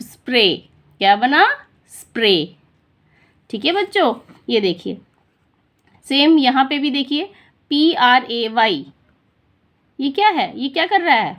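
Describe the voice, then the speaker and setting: A woman teaching children to read, slowly and patiently, repeating sounds and asking questions. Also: high-pitched, a bit bright. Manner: slow, patient, repeats and quizzes the listener. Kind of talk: phonics lesson for children.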